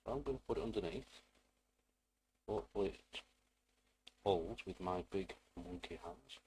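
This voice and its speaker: A man's voice: low voice, expressive, normal speed, vocal fry, a little mellow, slight background noise, poor audio. A British man giving a casual hands-on build tutorial in a rambling, self-deprecating way with playful asides. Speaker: hobbyist presenter.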